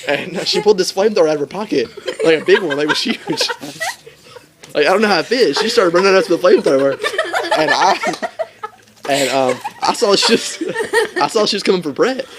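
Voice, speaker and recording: A young man telling a comic story to friends, rambling and laughing through the telling, with loud background noise. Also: high-pitched, lively intonation, a little fast.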